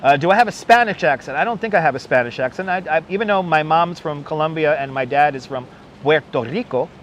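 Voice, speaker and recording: He talks fast, this Brooklyn livestream host with a faint New York accent and a somewhat high voice. Out in the city, he chats casually and rambles, naming viewers as he greets them. A wireless clip-on mic carries his voice along with soft traffic and street noise.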